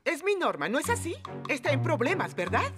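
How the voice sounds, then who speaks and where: A woman voicing a nosy, fussy, doting mother in an animated cartoon dub. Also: high-pitched, a little fast. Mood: suspicious. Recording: loud music under the dialogue.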